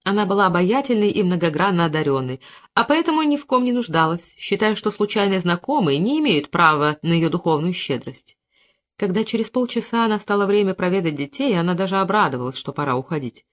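Measured audiobook narrator, mid pitch. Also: animated, a bit bright. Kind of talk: scripted literary narration.

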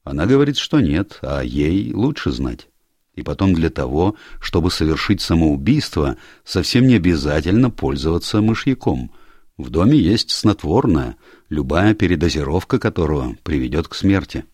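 Man reading a calm, probing country doctor. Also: rumbling low, normal speed, dry recording, clean studio sound, full character voice. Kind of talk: audiobook character reading.

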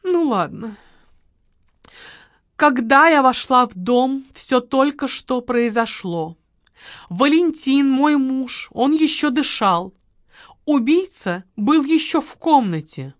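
A woman's voice: high voice, animated, takes it slowly, no echo, studio quality, pitched above the performer's own voice. A woman voicing a theatrical, self-pitying widow who pleads and sighs melodramatically. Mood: dramatic pleading.

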